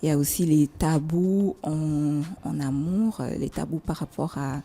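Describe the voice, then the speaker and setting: A suave, soft-spoken woman with a slightly low, very mellow voice. She answers interview questions gently and hesitantly, keeping her volume down. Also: a little slow, husky. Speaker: singer-songwriter being interviewed. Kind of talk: live radio interview, unscripted answers.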